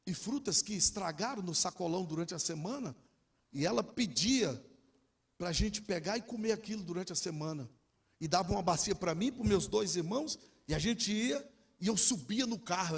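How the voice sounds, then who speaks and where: A man's voice: high voice, vocal fry, slightly rough. A man preaching a sermon, telling an emotional personal story and quoting the people in it. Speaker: pastor. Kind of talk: sermon testimony.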